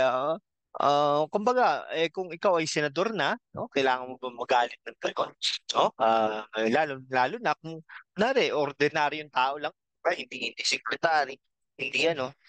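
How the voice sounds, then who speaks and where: A middle-aged Filipino-accented man hosts his own commentary channel, drifting through his points slowly, dotting nearly every phrase with a questioning "no?" and the odd throat clear. His pitch sits mid-range and the sound is dry and close. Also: animated, fairly bright tone, dry recording, poor audio. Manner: rambling, frequent tag question "no?"; slow, halting with fillers and throat clearing. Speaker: channel host. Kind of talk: casual political commentary vlog.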